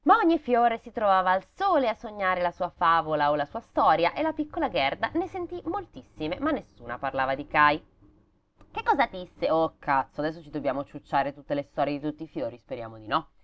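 A woman's voice: deep voice, sing-song, fairly quick, few pauses, dull audio. A woman reading a fairy tale aloud, breaking off with sarcastic, swearing comments. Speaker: storybook reader.

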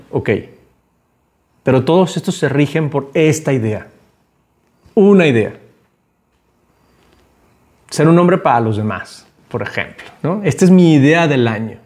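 A man's voice: on the high side, darkish tone. A man, hosting a reflective talk and earnestly encouraging the listener. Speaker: podcast host.

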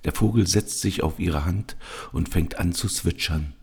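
Very husky low-voiced male storyteller. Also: a little slow, a little mellow. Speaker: narrator. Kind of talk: first-person story reading.

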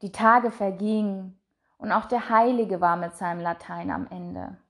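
Slow, soft-spoken woman reading a fairy tale. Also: mid-range voice, steady tone. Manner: slow, soft and measured, trailing off quietly. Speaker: narrator. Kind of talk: storybook reading.

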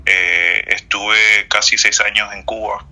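A man from the Dominican Republic speaks as an interview guest, earnest and full of small fillers. His voice is strikingly bright, sitting a little low. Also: flat delivery, slow pace, poor audio. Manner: earnest, with frequent "eh" and "o sea" fillers. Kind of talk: interview conversation.

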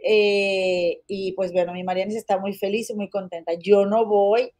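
A woman's voice: medium pitch, fairly even intonation, unhurried, a little mellow. A woman with a Mexican accent hosting a casual livestream, gossiping bluntly and calling her viewers comadres as she reads their comments. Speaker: livestream host.

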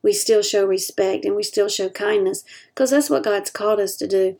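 A woman giving earnest advice to caregivers, slowing down to stress her key points. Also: mid-range voice, gravelly, darkish tone. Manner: acts out example quotes in other voices.

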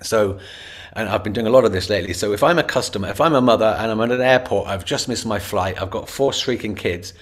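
A man answering an interview question in a casual, animated way, often acting out bits of quoted dialogue. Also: fairly low pitch, fast talker. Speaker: interview guest, customer experience leader.

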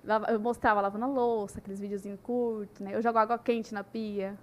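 A young woman telling her story in a casual podcast chat, animated and full of "né" tags. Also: mid-range voice, fast. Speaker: podcast guest.

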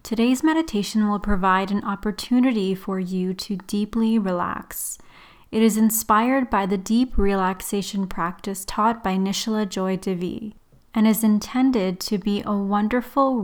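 A woman leading a guided relaxation meditation in a soothing, unhurried sleep-story manner, leaving long pauses. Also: mid-range voice, fairly even intonation. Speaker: yoga and meditation teacher, host. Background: background music.

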